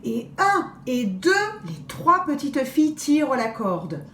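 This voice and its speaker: A woman teacher reading a children's story aloud with expressive, deliberate storytelling. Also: high-pitched. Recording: echoey room, faint hiss.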